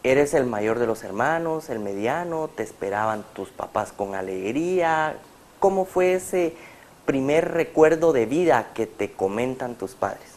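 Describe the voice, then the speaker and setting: A man's voice: mid-range voice, lively intonation, unhurried, a little mellow, a little hiss or hum. Earnest male host of a faith program. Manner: earnest, preacher-like. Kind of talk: testimony interview.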